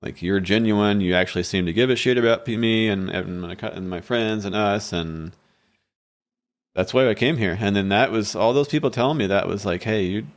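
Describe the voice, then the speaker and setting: A man in his thirties, a guest in a small podcast studio, telling his story in a rambling, candid way with many restarts, speaking into a boom-arm studio mic. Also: brisk. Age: 30s. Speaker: guest, bike shop owner. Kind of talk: casual interview talk. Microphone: studio mic on boom arm, headphones.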